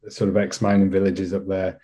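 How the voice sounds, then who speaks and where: A man with a Yorkshire accent and a lowish voice, talking over a video call. He answers questions as a chaplain in a relaxed, self-deprecating way and often restarts his sentences. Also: brisk. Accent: Yorkshire English. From West Yorkshire, England. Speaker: college chaplain. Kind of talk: casual interview answers.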